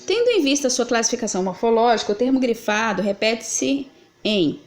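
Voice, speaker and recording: Woman teaching grammar, fairly high voice. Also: animated, a little fast. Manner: patient, asks and answers her own questions. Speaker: Portuguese teacher. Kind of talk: explaining exercise answers.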